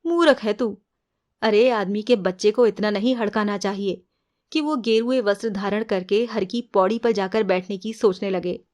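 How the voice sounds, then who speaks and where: A woman's voice: medium pitch, normal speed, darkish tone, lightly acted. A woman voicing a wry, grumbling male private detective who banters and scolds dryly, in an audiobook reading. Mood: bantering. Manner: dry, bantering, mock-scolding.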